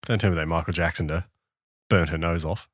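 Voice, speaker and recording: An Australian man co-hosting a podcast, joking and reacting with quick quips. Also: sits low, fairly even intonation, no echo, studio quality. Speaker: podcast co-host. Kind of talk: casual chat.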